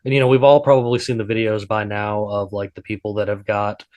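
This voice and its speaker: A man in his late thirties chats casually with a loose, swearing manner. His voice is low and recorded close and dry. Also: level tone, fast talker, a little mellow, no room sound. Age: 30s. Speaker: podcast co-host. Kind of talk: casual chat.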